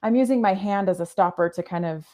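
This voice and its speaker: Her voice sits at a medium pitch with a darkish tone. As a guest on a podcast, this woman earnestly recounts something personal, frequently stopping to rephrase and find her words.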